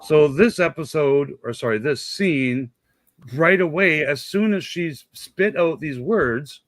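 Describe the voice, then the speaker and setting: A man's voice: fairly high pitch, animated, takes it slowly. A man in his fifties hosting a casual fan chat, enthusiastic and rambling, with a jokey streak. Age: 50s. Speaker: show host.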